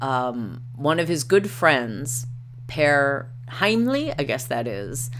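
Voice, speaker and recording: With a bass voice, a slow pace and a very animated delivery, a woman hosts a livestream, chatting and reading articles and quotes aloud. She's hesitant, filling gaps with plenty of ums and uhs, and Norwegian isn't her first language. There is slight background noise.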